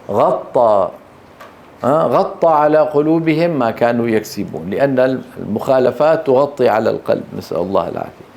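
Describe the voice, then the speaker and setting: A man with a Levantine Arabic accent teaches Quran recitation rules in a lecture, his voice sitting a little higher than most men's. He keeps his class alert with quick questions like "got it?" and then answers them himself. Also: darkish tone. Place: teaching hall.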